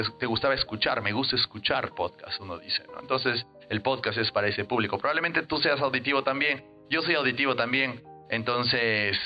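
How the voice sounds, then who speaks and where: A man hosting an educational podcast, explaining in a lively teaching manner. He often acts out quick example voices and keeps checking in with listeners. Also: mid-range voice, highs cut off. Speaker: NLP trainer and podcast host.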